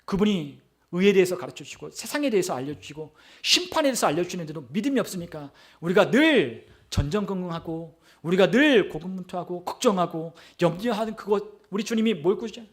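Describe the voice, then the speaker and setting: A male pastor delivers a Sunday sermon in a high voice. He asks the congregation questions, answers them himself and keeps the preaching animated. He breaks into short acted lines for the people in the Bible story. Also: a little fast.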